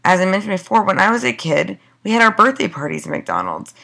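A hoarse woman lecturing to a class, her voice fraying as she loses it. The tone is bright and edged, with a gravelly fry underneath. She asks one rhetorical question after another, with plenty of ums along the way. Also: medium pitch, wildly swooping pitch, quick pace. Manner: loose, filler-heavy lecturing with rhetorical questions. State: losing her voice.

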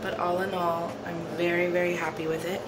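This show-and-tell clip features an adult cleaning vlogger with a son, cheerfully showing her freshly cleaned bathroom at home and repeating herself. Her fairly low voice is flat and a little fast, with music behind her and some background noise.

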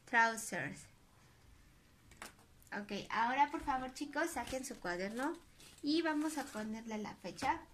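A woman with a Mexican Spanish accent, teaching English to small children in a recorded online class, drilling words slowly with long drawn-out pronunciation. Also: fairly high pitch, animated, fairly bright tone, slight background noise.

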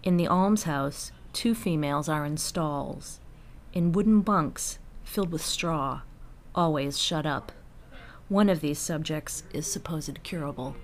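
A woman giving a slow, grave reading of historical quotations. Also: sits low. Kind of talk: scripted reading of historical quotes.

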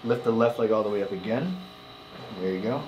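The sound is lo-fi with heavy background noise as a man in his thirties speaks fairly quickly in a lowish voice. Working as a chiropractor in a small treatment room, he gives his patient quick, casual directions and reassuring check-ins.

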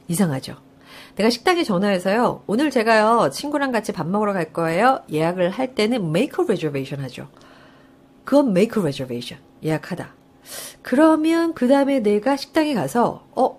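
A woman lecturer teaching a live online English test class, her voice swooping up and down in pitch. She keeps asking students questions and answering them herself, often laughing as she explains. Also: darkish tone.

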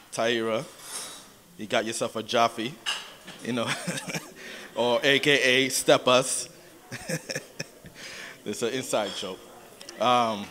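A man's voice: medium pitch, a bit bright, slight background noise. A man giving a casual, talky wedding toast to his sister in a reception hall, full of "you know".

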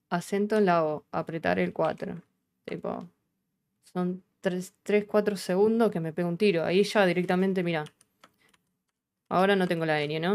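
A woman with a Rioplatense Argentine accent, her voice sitting a little low. She hosts a casual live coding stream, talking her way through the work. She thinks aloud and swears without a second thought. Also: darkish tone. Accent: Rioplatense Argentine Spanish.

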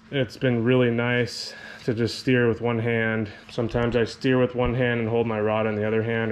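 In a garage, a fishing channel host casually walks through his DIY kayak build, explaining each step and repeating himself in a relaxed way. His voice is medium-pitched. It was captured on an action camera worn on his head or chest, with clear background noise from the camera mic.

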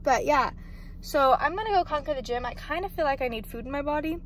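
Parked in her car at night, an eighteen-year-old woman vlogs casually into a phone camera held or propped close. Her high voice is lively and fast, chatty and self-mocking, and she swears freely over slight background noise.

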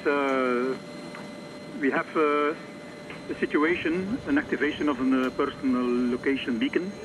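A man working as a coast guard radio operator, speaking over a marine radio in formal call procedure, reading out coordinates in a measured way and closing each message with "over". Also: medium pitch. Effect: marine radio transmission. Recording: muffled radio with clear static noise.

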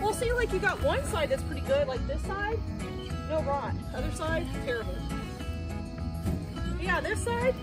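A young woman homestead vlogger chats casually to her handheld phone, held at arm's length, while doing yard work in a backyard garden. Her voice is extremely high and very animated, at a moderate pace with frequent pauses, and loud music plays behind her. She sounds chatty and upbeat.

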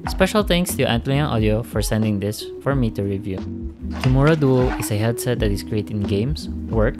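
A man's voice: mid-range voice, expressive, moderate pace. A man narrating a casual product review, talking directly and in a friendly way to his viewers. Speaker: tech reviewer. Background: background music.

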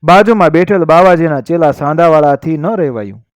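Expressive male storyteller, very dry sound. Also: fairly high pitch, a little fast, dry recording. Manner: expressive reading, voice lifting for quoted speech. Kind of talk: read-aloud storytelling.

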